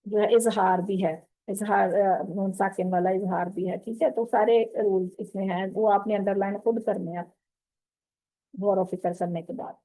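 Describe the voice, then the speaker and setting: A woman's voice: mid-range voice, steady tone, moderate pace, dark tone, rough recording. A woman with a Pakistani Urdu accent teaching Quran recitation rules online, explaining patiently and quizzing her students. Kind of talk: online tajweed lesson to women students.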